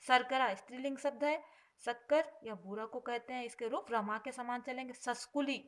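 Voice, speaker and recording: At an ordinary pace, a woman who teaches Sanskrit works through vocabulary with patient explanations. Every word is repeated ahead of its meaning, the headword stressed loudly and the grammar note delivered in a lower voice.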